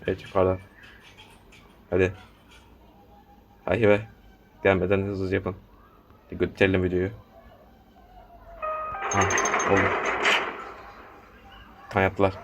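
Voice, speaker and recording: Man, young, gameplay commentary, deep voice, monotone, chiding the game. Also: unhurried, long pauses, lo-fi sound, slight background noise. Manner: talks to the game, urging and scolding. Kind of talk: casual let's-play commentary.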